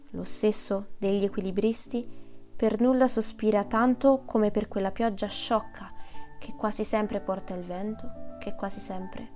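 A woman reading a calm, patient poet. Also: mid-range voice, lightly acted. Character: calm grown man, a kindly poet.

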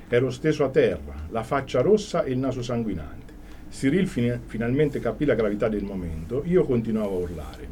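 An author reads his own prose aloud in an earnest, steady voice. His pitch sits in the middle of the male range. There is faint noise behind him. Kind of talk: reading from his own book, then chatting.

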